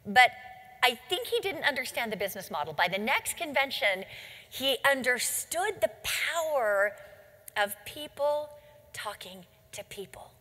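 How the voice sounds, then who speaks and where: A woman's voice: sits high, sing-song, a little slow, sharp tone, in a large hall. A woman giving a motivational talk as a company founder, telling stories emphatically and asking rhetorical questions. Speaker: company founder speaking to distributors.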